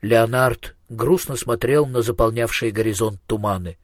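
A man narrating a storybook in an even, measured voice. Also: medium pitch, no room sound, clean studio sound. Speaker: audiobook narrator. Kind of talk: scripted narration.

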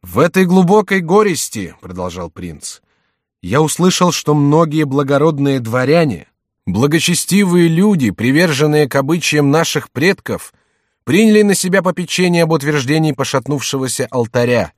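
A man's voice: on the low side, animated, moderate pace, a little mellow, no echo, clean studio sound. A man voicing a pale, anxious prince who declaims in grave, pious tones, in an audiobook reading. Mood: fervent. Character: pale anxious male prince, trembling then rising.

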